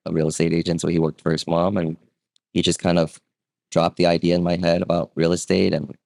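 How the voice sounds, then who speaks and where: A man in his thirties who was born in Vietnam, a real estate agent speaking as a guest in a casual interview, relaxed and conversational with many fillers and a habit of asking "right?". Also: low-pitched, brisk, creaky, no echo, clean studio sound.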